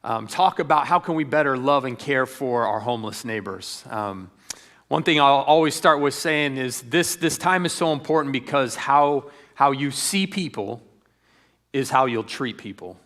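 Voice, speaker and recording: A man's voice: medium pitch, a little slow. Earnest middle-aged man giving a church talk. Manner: earnest, warm storytelling with frequent ums and restarts. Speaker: ministry speaker.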